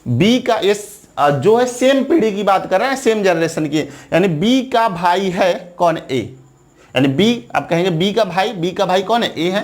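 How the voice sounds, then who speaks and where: A man's voice: high voice, expressive, normal speed. A man teaching exam students, asking the viewer questions and answering them, often checking in with "right?". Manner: repetitive, checks in with "theek hai na" often. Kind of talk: classroom lecture.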